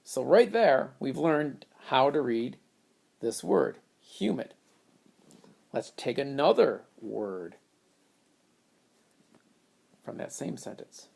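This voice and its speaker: A man's voice: medium pitch, expressive, slow pace, vocal fry, pauses often, darkish tone, husky. A man teaching a reading lesson, patiently explaining step by step how to split words into syllables. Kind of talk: phonics lesson at a whiteboard.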